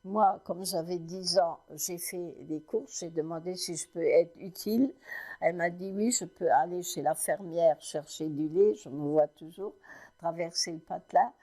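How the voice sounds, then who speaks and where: A woman in her nineties from Lorraine, France, recalls her family's past for an interviewer in an oral history. Her voice is a little low, dark and mellow. She speaks haltingly, often backtracking and restarting.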